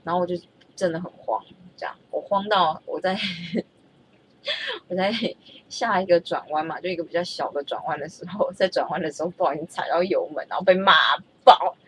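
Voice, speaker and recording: A woman's voice: on the low side, moderate pace, slight background noise. Chatty young woman telling a story. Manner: chatty, animated, stammers when excited. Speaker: vlogger. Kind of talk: casual storytelling.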